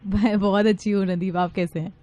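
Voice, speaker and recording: A woman making a prank phone call, speaking in a soft, teasing and flirtatious way. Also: medium pitch, fairly even intonation, brisk. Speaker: prank caller.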